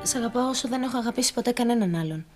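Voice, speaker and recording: Actress as a vulnerable woman confessing love, fairly high voice, earnest, TV soap drama. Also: lively intonation, over loud music, close to an everyday voice. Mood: tender. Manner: earnest, pleading.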